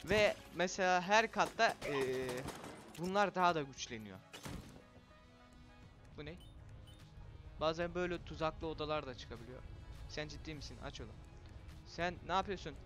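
A man casually commentating a video game for viewers, excitable and quick to shout and swear when frustrated. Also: a little high, soft background music. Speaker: gaming video host.

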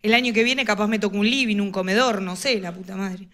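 A woman's voice: mid-range voice, steady tone, quick pace, a bit bright. A woman with a Rioplatense Argentine accent doing live stand-up, chatty and laughing at her own jokes. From Morón, western Greater Buenos Aires, Argentina. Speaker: stand-up comedian.

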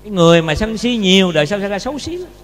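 A Buddhist monk gives a dharma talk, telling a story and often asking the listeners rhetorical questions. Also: male voice, high-pitched, sing-song, rapid-fire. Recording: long reverb with faint hum.

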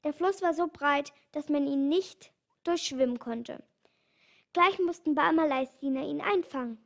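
A woman narrates a children's storybook in a clear, steady read-aloud manner. Her voice sits high for a woman. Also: measured pace. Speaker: audiobook reader.

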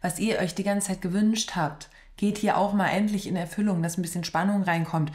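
A woman's voice: on the low side, steady tone, brisk, darkish tone. A young woman reacting to a reality show from a small studio, chatty and blunt with sarcastic slang. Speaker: reaction streamer. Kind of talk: casual reaction commentary. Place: small decorated studio room. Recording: roomy echo.

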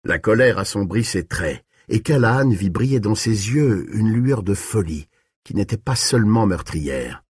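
A man narrating a dark audiobook in an expressive way, with shifting pace and tone. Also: lowish voice, unhurried, slightly rough, no echo, clean studio sound.

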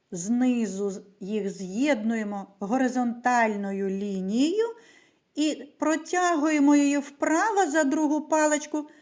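A woman teaching young children to read and write, speaking slowly and deliberately, asking questions and answering them herself. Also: on the high side, a little mellow. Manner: patient, stretched-out words, asks and answers her own questions. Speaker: primary school teacher. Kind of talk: slow, deliberate literacy lesson for young children.

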